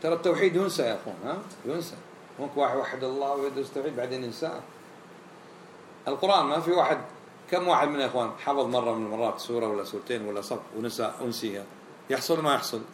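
A man preaching a sermon in an animated way, acting out the voices he quotes. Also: medium pitch, very fast, a little hiss or hum. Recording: roomy echo, faint ambience.

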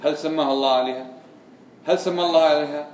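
A man's voice: fairly high pitch, steady tone, rapid-fire, a little mellow. A man giving a religious lesson, quizzing his students with repeated questions. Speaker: religious teacher. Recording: echoey room, voice from far off.

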